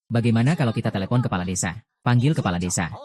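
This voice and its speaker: A man with a fairly low voice reads out a drama recap. He gives every character the same even, plain read-aloud delivery. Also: rapid-fire. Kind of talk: reading all parts of a dubbed drama recap.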